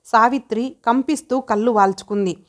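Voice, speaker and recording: A woman reading an audio story aloud as its narrator, in a measured, dramatic way. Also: a little high. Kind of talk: scripted narration.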